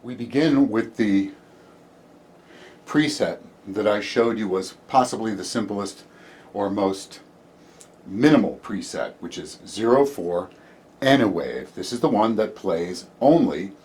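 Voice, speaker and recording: A man's voice: fairly low pitch, animated, measured pace, darkish tone, breathy edge. A man giving a patient, step-by-step video music lesson on the theremin, sounding out rhythms as sung syllables. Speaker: theremin teacher.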